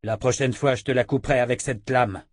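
A man voicing a stern young swordsman in an audiobook, gruff and threatening. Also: mid-range voice, steady tone, fairly quick, no echo, clean studio sound, lightly acted.

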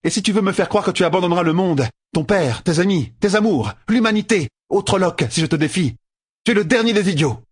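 A man voicing a defiant young woman leader in an audiobook, his husky voice pitched far up and scolding. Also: lively intonation, fairly quick.

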